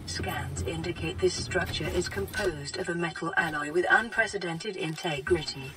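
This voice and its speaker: A woman voicing a calm female onboard computer assistant for a game, in a smooth synthetic computer voice that reports in an even, measured, clinical way, over game music. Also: on the low side. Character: calm female onboard AI, a gentle caretaking machine.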